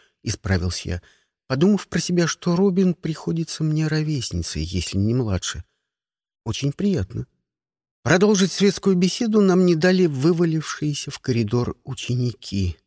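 A man's voice: on the high side, a little mellow, no echo, clean studio sound. A man narrating an audiobook in the first person, with a wry, sardonic storytelling manner.

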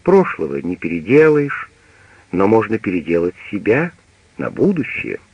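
A man's voice: on the low side, wildly swooping pitch, moderate pace, slightly rough, no room sound, full character voice. A man reading as a stern elderly mother who lectures and scolds, her speech swooping up and down in strong reproach. The sound is dull and lo-fi, like an old radio broadcast, and dry with no room around it. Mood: lecturing.

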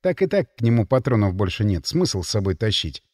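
A man's voice: fairly low pitch, big pitch swings, fairly quick, a little mellow, husky, no room sound, clean studio sound. A man narrating an audiobook in the first person, in a wry, matter-of-fact manner.

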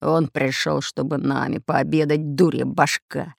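A woman doing a gruff pirate captain. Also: low-pitched, brisk, dry recording, clean studio sound, pitched below the performer's own voice. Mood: grumbling. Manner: snarling, scolding. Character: gruff angry red-bearded pirate captain. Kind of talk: audiobook character voice.

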